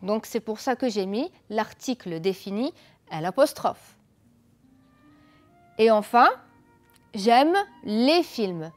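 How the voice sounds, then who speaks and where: A woman's voice: mid-range voice, animated, slow pace, pauses often, faint music behind. A woman teacher giving a televised school lesson, explaining patiently, asking pupils questions and praising their answers. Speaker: French teacher.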